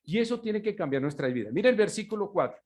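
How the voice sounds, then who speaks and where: A man's voice: sits high, big pitch swings, a little mellow. A male pastor giving a sermon, stressing key words and asking his congregation rhetorical questions for them to finish. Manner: emphatic preaching with slowed, stressed words.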